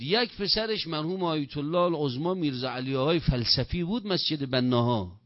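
A man's voice: mid-range voice, dry recording. Man preaching a story-filled sermon. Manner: animated storyteller, acting out dialogue. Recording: dull, lo-fi, dry recording.

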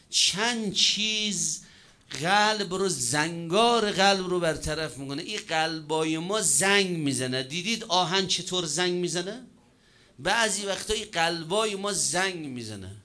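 A man preaching a sermon, telling a story with joking asides and sudden shifts in pace and loudness. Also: on the high side, expressive.

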